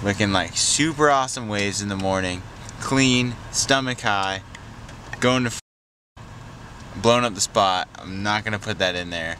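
A man's voice: lowish voice, moderate pace, bright, forceful tone, slight background noise. A young man talking casually to a handheld camera in a car, upbeat and full of surfer slang. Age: young adult. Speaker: vlogger. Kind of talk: casual travel vlog. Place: inside a car and a house kitchen. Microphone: handheld action camera at arm's length.

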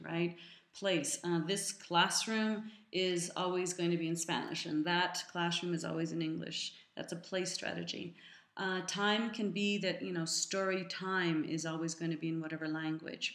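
A woman's voice: lowish voice, fairly bright tone, roomy sound. A middle-aged woman giving an educational talk to an audience, conversational with many fillers and asides. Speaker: lecturer.

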